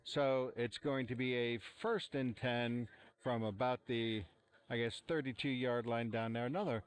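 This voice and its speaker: A man's voice: mid-range voice, measured pace, smooth. Casual man doing play-by-play commentary. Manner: relaxed, rambling, many fillers and restarts. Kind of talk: amateur sports commentary. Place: outdoor football stadium sideline. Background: cheering fans.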